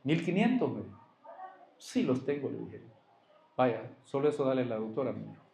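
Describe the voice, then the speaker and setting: A man's voice: medium pitch, expressive, a little fast, creaky, warm tone, a little hiss or hum. A man giving a church testimony, telling his story and acting out both sides of a conversation. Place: church hall. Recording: echoey church hall.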